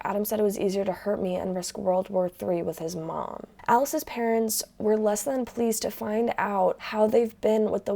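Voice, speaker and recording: A woman hosts her own channel, reading online posts aloud and chiming in with blunt, casual reactions. Her voice has a gravelly fry to it and a mellow, darker tone, and she swears freely as she comments. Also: mid-range voice.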